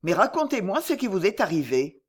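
A woman reading the lines of a cunning male spy in a novel, in measured, sententious tones close to her own voice. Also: medium pitch, big pitch swings, husky. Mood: wary. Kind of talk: audiobook character reading.

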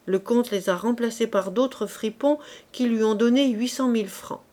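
Casting: a reader doing a calm court lady in an audiobook, measured and fairly high. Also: natural voice. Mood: grave. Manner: measured, cool and direct. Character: composed, shrewd duchess, a calm court lady. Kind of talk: audiobook reading.

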